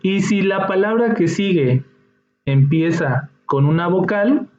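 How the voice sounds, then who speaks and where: A man's voice: high-pitched, expressive, takes it slowly, darkish tone, soft background music. A man teaching an English lesson, patiently explaining each step and checking in with his students. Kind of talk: slow classroom explanation. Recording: dull echoey room recording.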